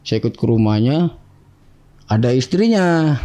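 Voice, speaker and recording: A man telling his life story to an interviewer in a casual, animated way, acting out the dialogue of the people in it. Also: mid-range voice, measured pace. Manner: animated, acts out quoted dialogue in other voices; keeps addressing the listener as "bang".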